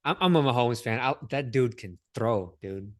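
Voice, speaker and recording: A man hosting a podcast interview in casual, energetic chat, calling his guest "dude" and "man". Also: medium pitch, moderate pace, no echo, studio quality. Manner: energetic, slangy, says "dude" and "man" a lot. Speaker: podcast host.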